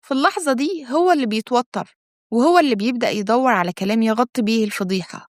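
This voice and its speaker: A woman with an Egyptian accent, reading a scripted self-help talk in a calm, measured way and speaking straight to the listener. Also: on the high side, no room sound, clean studio sound. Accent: Egyptian Arabic. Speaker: self-help channel host. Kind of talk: scripted motivational narration.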